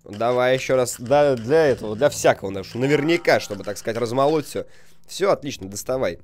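A man's voice: mid-range voice, animated, fairly quick, darkish tone. A young man giving casual, rambling, jokey video game commentary, reacting aloud and reading on-screen text. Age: young adult. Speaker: video game let's player.

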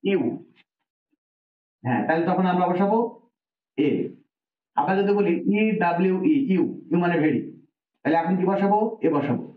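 A man's voice: high voice, normal speed, pauses often. Echoey Bangladeshi grammar teacher, man. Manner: explains step by step, asks the listener questions. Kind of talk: spoken grammar lesson. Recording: echoey room, dull lo-fi sound.

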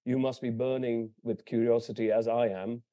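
A man introduces a guest speaker in a seminar room, reading partly from his notes. His voice is mellow and warm, and he stumbles now and then before going back on track. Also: mid-range voice, flat delivery, moderate pace, muffled recording. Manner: reads partly from notes, with small slips. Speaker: event host.

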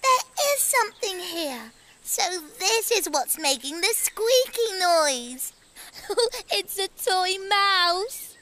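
A woman's voice: extremely high pitch, big pitch swings, slow pace, bright, forceful tone, a little hiss or hum, full character voice. A woman playing a cheerful, playful young female creature in a children's TV show, giggling and sing-songing. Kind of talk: children's TV character acting.

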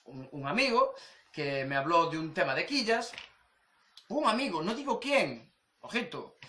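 High, bright-voiced man. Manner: rambling, repetitive, acts out quoted voices. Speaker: surf channel host. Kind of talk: casual vlog monologue. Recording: echoey room.

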